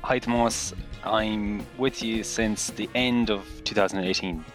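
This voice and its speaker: A man's voice: lowish voice, steady tone, measured pace, faint music behind. A man in his thirties with a western Irish accent, chatting casually and reflectively as a podcast co-host. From County Mayo, Ireland. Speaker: guest co-host, primary teacher.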